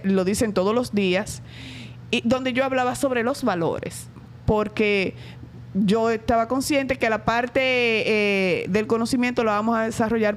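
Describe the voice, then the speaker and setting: A middle-aged woman from the Dominican Republic with a Dominican Spanish accent, a school director answering interview questions in a reflective way, with many pauses and hesitations. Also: fairly high pitch, slight background noise.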